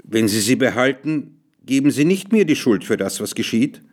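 A man's voice: mid-range voice, expressive, normal speed, darkish tone, natural voice. A man voicing a grave male officer giving a stern warning in a storybook reading.

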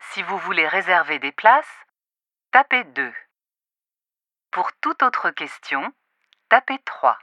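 Woman for phone-menu prompts: very slow, bright tone, dry close sound. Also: lowish voice, no echo. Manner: slow, deliberate, crisp enunciation. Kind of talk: scripted phone menu recording.

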